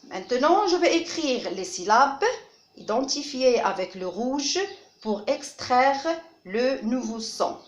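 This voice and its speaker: A woman with a North African French accent, teaching a phonics lesson to children, slow and deliberate and repeating each word to model how it sounds. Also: fairly high pitch, expressive, roomy sound. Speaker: primary school teacher.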